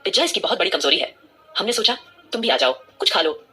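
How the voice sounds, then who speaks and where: A woman's voice: mid-range voice, big pitch swings, fast talker, pushed and bright, breathy edge, soft background music, heavily acted. A woman voicing a chatty young woman friend explaining casually in an audio drama.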